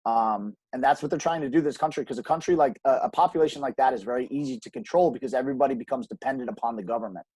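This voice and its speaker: A man's voice: mid-range voice, rapid-fire, hardly any pauses, warm tone, slightly rough, dry recording. A man speaking earnestly as a podcast guest, emphatic, with frequent restarts and ums. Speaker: podcast guest, gym co-owner. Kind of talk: conversational interview.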